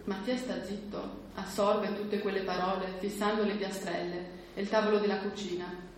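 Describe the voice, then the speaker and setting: Woman, literary reading, measured and steady, middle pitch, very roomy echo. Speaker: reader at a book presentation. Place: hall at a book presentation. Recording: very echoey room, faint background noise.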